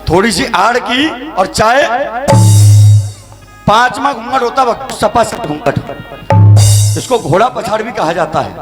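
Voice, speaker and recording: A high-pitched man jokes and laughs as he tells comic stories to a crowd from a stage mic at a religious night vigil. He talks straight to the audience and keeps the banter going. A live band plays clearly behind him. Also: expressive, measured pace, long pauses. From Agra, India. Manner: joking, chatty, addresses the crowd directly and often laughs. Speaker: devotional night-vigil singer and compere. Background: live band music.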